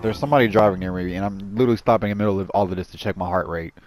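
Racing through his words against slight background noise, a man hosts a gaming channel and comments anxiously on his own play. His jittery self-talk is aimed straight at viewers, and he yells in a high, panicked voice whenever he's in danger.

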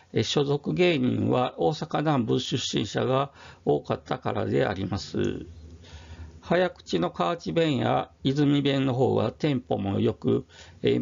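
A man with an Osaka accent talks through a history topic in a slow, formal manner and keeps pausing on "um". His voice is deeply gravelly and full of fry. The recording sounds muffled and lo-fi. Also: darkish tone. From Osaka, Japan. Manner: measured, formal, many "um" fillers. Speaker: YouTube history presenter. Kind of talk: explanatory monologue.

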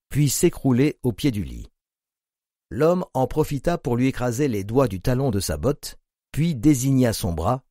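Grave, dark-voiced male audiobook narrator. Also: medium pitch, no echo, clean studio sound. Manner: grave, measured reading. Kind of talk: scripted narration.

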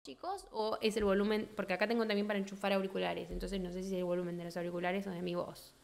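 A woman's voice: medium pitch, flat delivery, quick pace, vocal fry, darkish tone. A young woman with an Argentine Rioplatense accent, chatting frankly with viewers on a live stream and greeting them by name. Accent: Argentine Rioplatense Spanish. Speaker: livestream host. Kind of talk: casual live-stream chat.

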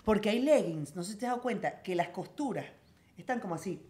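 A woman's voice: mid-range voice, expressive, mellow, husky. A woman with a Venezuelan accent, co-hosting a podcast with playful, joking chat. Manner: playful, laughing, quick asides. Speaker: podcast co-host.

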